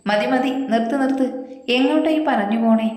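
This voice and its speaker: A woman voicing an irritated young married man who scolds his younger brother in a gruff manner. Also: fairly high pitch, moderate pace, darkish tone, natural voice. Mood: scolding. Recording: very echoey room, long reverb.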